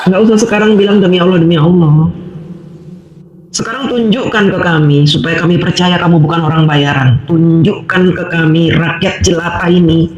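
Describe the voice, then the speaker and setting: A woman delivers an angry rant, scolding and mocking with one sharp question after another. Her voice rings in an echoey room. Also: fairly low pitch, brisk, few pauses, muffled recording, crowd noise. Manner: scolding, mocking and confrontational, full of rhetorical questions. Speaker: housewife vlogger. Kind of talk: angry political rant to camera.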